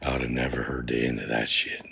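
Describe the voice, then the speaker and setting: A man's voice: a bass voice, flat delivery, fast, vocal fry, pushed and bright, a little hiss or hum. A man telling a story outdoors in a cemetery at night, joking, swearing and laughing often as he talks to his livestream audience. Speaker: paranormal vlogger.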